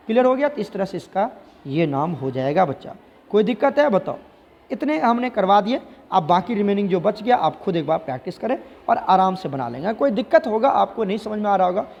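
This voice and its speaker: A man's voice: high-pitched, gravelly, a little mellow. A man teaching chemistry who asks his students questions, answers them himself and repeats the key terms. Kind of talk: explanatory lesson. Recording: dull audio with long hall reverb.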